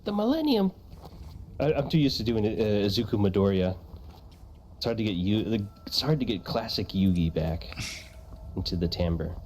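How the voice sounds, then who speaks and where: A man's voice: on the low side, moderate pace, a little mellow, a little hiss or hum. A man co-hosting a gaming stream, chatting casually and playfully, laughing often. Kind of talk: casual gameplay chat.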